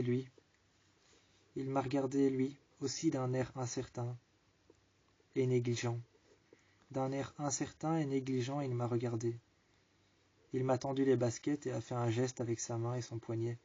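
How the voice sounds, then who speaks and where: A man telling a first-person story, restating each line in slow, repetitive phrasing. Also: medium pitch, dark tone. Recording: dull lo-fi recording.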